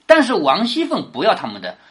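A teacher explaining a classic novel in a casual lecture, retelling scenes in everyday words and often asking the listener to agree, with the voice dropping low and soft on those questions. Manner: animated storyteller, quick to rephrase in everyday words.

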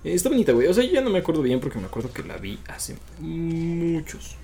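A man's voice: a little high, huge pitch swings, fast, gravelly, dark tone, breathy edge, soft background music. A young man with a Mexican accent, co-hosting a podcast in casual chat, slangy and swearing freely. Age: young adult. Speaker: podcast co-host.

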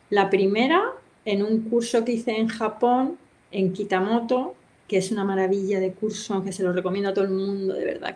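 A middle-aged woman, a guest in a casual interview, telling stories in a lively way and laughing often. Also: mid-range voice. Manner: lively storyteller who acts out other people's voices and laughs often. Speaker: interview guest, kendo practitioner. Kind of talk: casual anecdotal chat.

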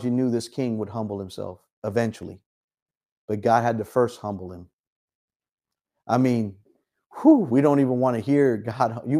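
A man preaching a sermon, reading scripture slowly and urging his listeners with rising intensity. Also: medium pitch, a little mellow. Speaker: pastor.

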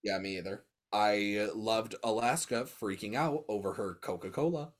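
A man co-hosting a podcast, telling animated stories in casual chat with crude jokes. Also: fairly low pitch, normal speed. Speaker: podcast co-host; teacher.

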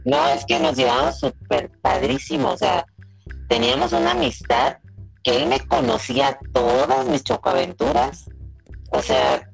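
A woman's voice: a little high, wildly swooping pitch, normal speed, gravelly, soft background music, low-quality recording. A woman with a Mexican accent chatting candidly on a video call, her voice coming through robotic and glitchy from a breaking-up connection. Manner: candid, chatty, laughing often. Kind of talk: casual chat on a recorded conversation.

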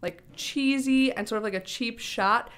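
A woman's voice: fairly high pitch, normal speed, a bit bright, clean tone. A woman speech coach co-hosting a podcast, chatting in an upbeat way with many fillers. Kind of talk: casual podcast chat.

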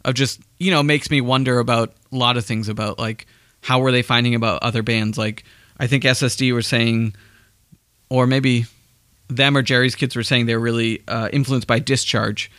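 A Boston-area man from the Massachusetts outskirts co-hosts a podcast, chatting casually and often hesitating and restarting as he lays out his opinions. His medium-pitched voice is fairly bright, with fairly even intonation and a moderate pace. The studio-quality recording has no room sound.

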